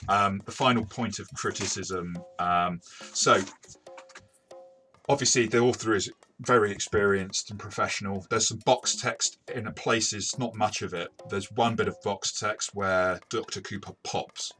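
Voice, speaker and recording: A man with a lowish, forceful, bright voice hosts a casual review discussion as a game master. He phrases his points carefully and corrects himself along the way.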